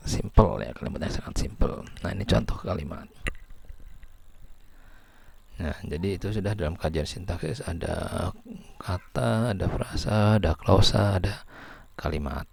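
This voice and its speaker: A man's voice: sits low, expressive, moderate pace, gravelly, pauses often, a little mellow, husky. A man giving a lecture, explaining step by step and reading out example sentences. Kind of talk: lecture on syntax.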